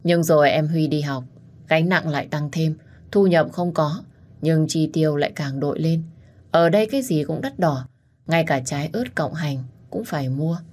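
A woman's voice: low-pitched, normal speed, a little mellow. A young adult woman narrating a first-person family story in a plain, reflective way.

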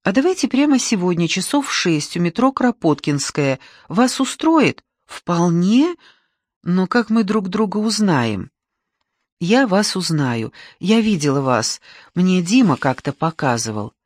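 A woman reader voicing a gentle, soft-spoken adult woman who sniffles as if holding back tears. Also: fairly low pitch, very animated, measured pace, no echo, clean studio sound, voice pushed up. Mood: eager.

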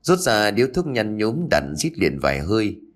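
A man narrating a ghost story in a dramatic, animated way. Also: fairly low pitch, normal speed.

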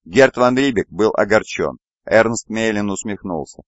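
A man reading an audiobook in steady, scripted narration. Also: on the low side, a little slow, dry recording, highs cut off. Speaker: audiobook reader.

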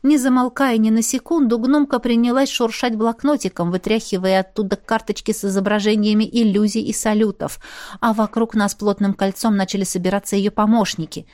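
A woman reading a first-person fantasy audiobook in a lively, expressive way. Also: mid-range voice, fairly quick, no room sound, clean studio sound. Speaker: audiobook narrator.

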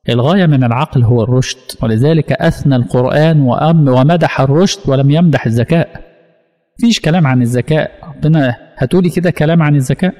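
An Egyptian man gives a religious lesson at a quick clip and keeps putting questions to his listeners. His voice is low and warm. A long reverb trails behind him, as if he is speaking in a large hall. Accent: Egyptian Arabic. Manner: asks the audience rhetorical questions. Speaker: religious teacher.

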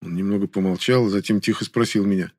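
Low-voiced man narrating an audiobook. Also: fairly even intonation, fast, a little mellow. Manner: wry, conversational first-person telling.

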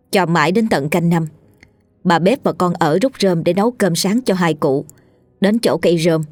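Low-voiced woman telling a ghost story. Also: no echo. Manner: steady, dramatic storytelling. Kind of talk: scripted ghost story narration. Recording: dry studio voice with faint music.

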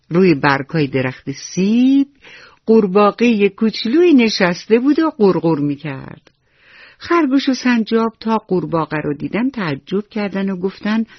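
A man telling a bedtime story to children on radio, gentle and playful, speaking right to the kids. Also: high-pitched, no room sound. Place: radio studio. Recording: dull lo-fi radio recording with faint music.

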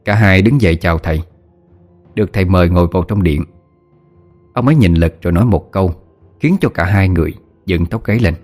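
Male audiobook narrator, fairly low voice, measured horror storytelling over soft music.

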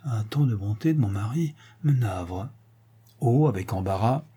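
A man's voice: on the low side, animated, a little slow, warm tone, husky, heavily acted. A man reading the part of a timid, anxious young wife who hesitates and falters in a storybook reading.

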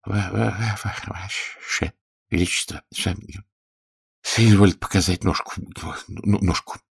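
A man voicing a timid old male court healer who stammers and speaks in a hushed, deferential way in a storybook reading. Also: lowish voice, big pitch swings, moderate pace, creaky, husky, no room sound, studio quality, pitched above the performer's own voice, full character voice. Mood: frightened stammer.

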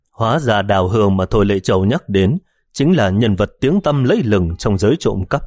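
A man narrating a story as an audiobook in a steady, measured reading. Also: fairly low pitch, dry recording, studio quality.

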